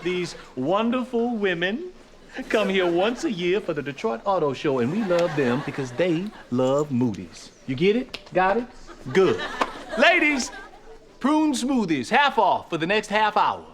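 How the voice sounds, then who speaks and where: A stern, showy manager. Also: male voice, high voice, lively intonation, unhurried, noisy background. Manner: stern then showy, salesman-like. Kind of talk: sitcom acting.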